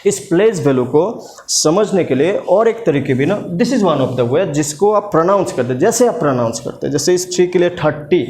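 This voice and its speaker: A male maths tutor with a voice a little higher than most men's. He explains step by step, poses questions to his students and answers them himself, and drops English maths words into his sentences. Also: animated, normal speed, hardly any pauses, darkish tone. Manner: mixes English maths terms into Hindi.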